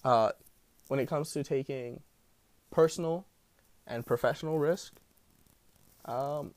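A man with a smooth voice hosting a solo podcast in casual, rambling talk full of slang and swearing. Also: medium pitch, slow, darkish tone, no echo. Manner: profane, slangy. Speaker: podcast host.

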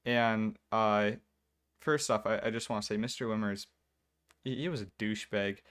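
A man's voice: lowish voice, steady tone, normal speed, fairly bright tone, smooth. A young man co-hosting a casual chat, telling a story and acting out the people in it. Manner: storytelling, mimics others in quotes. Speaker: podcast co-host.

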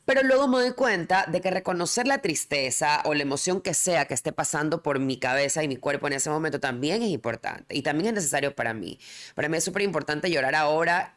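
Woman, deep voice, candid animated chat. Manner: open, animated storytelling with frequent restarts. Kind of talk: casual chat.

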